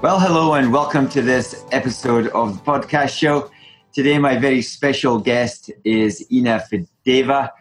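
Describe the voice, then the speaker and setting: A middle-aged man hosting a medical podcast, asking questions in a relaxed, friendly way with fillers. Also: mid-range voice, moderate pace, soft background music. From Canada. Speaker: podcast host, family physician. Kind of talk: casual interview.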